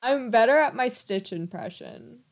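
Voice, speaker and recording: A woman's voice: fairly high pitch, expressive, moderate pace, slight background noise. Woman in a candid, laughing film-podcast chat. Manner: candid, profane, laughs often. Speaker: podcast co-host.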